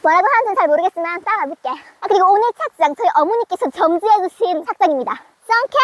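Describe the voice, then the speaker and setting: High-voiced young woman, mock announcer. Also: animated, quick pace, dry recording. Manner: teasing, announcer-like delivery. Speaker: vlogger. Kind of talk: playful mock-TV narration. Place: mountain hiking trail outdoors.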